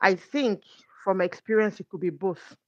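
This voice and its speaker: Her voice is medium-pitched and darkish, at a moderate pace, with no echo and a dry, slightly dull quality lacking any room sound. Speaking as a guest coach in a faith conversation, she carefully and earnestly works through points using examples.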